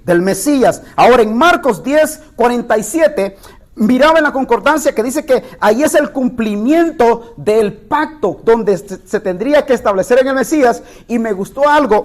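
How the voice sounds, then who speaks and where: A male pastor teaching a Bible study sermon, reading verses aloud and breaking off to address his listeners. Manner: reads scripture aloud with asides to the listeners; rises in pitch when quoting the blind man's cry.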